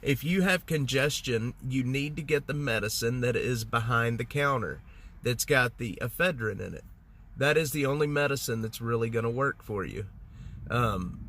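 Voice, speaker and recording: There's a little hiss or hum on the audio as a congested man, his mid-range voice fairly bright, rambles through a casual livestream chat with his viewers, often restarting and using fillers.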